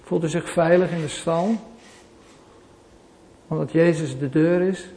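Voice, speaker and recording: A man preaching a sermon to a congregation, swinging between loud declarations and quiet asides, returning again and again to a repeated rhetorical question. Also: fairly high pitch, fairly even intonation, unhurried, slight background noise. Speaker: pastor.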